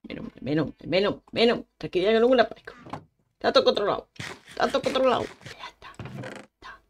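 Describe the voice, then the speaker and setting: Young woman, Spain Spanish accent, let's-play gamer; higher pitch, very lively, excitable chatter. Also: fast, slight background noise. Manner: excitable, chatty, talks to game animals, bursts into shrieks. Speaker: Minecraft streamer. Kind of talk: let's-play gaming commentary.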